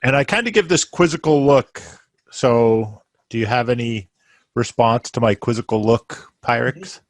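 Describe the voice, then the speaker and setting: A man playing a tabletop game, describing his character's actions haltingly with many pauses. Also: mid-range voice, no echo. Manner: halting, hesitant, many ums. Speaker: player.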